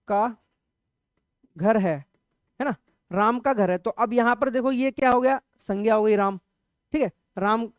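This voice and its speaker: A man's voice: high-pitched, no echo, studio quality. A man teaching a Hindi grammar lesson for exam preparation, explaining patiently and checking in with his students after nearly every point. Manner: conversational, repeats examples slowly. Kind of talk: exam-prep grammar lecture.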